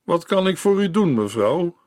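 A man voicing a kindly minister who speaks gently and reflectively in a storybook reading. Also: high-pitched, very animated, moderate pace, no echo, studio quality, pitched above the performer's own voice. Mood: gentle. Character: kindly minister, hesitant and searching.

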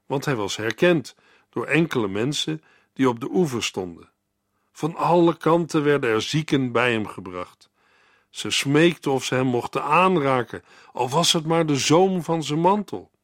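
A man reads scripture and reflects on it in a measured, earnest way, turning now and then to speak to the listener. His voice sits at an ordinary middle pitch. The recording is dry and close, with no room sound. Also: lively intonation, no room sound. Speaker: radio Bible teacher. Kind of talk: Bible reading and devotional commentary.

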